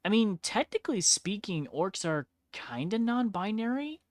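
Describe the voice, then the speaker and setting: A woman's voice: medium pitch, sing-song, moderate pace, no echo. Woman streamer yapping away while she paints minis, laughs a lot, swears bluntly, dry close sound. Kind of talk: casual chat while painting miniatures.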